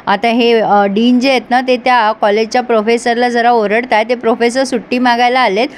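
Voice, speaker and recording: A woman's voice: a little high, little pitch movement, moderate pace, clear, resonant tone. A woman, retelling a serial episode in casual narration and reading the characters' lines in her own voice. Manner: retells scenes and reads characters' lines in her own voice, laughs now and then.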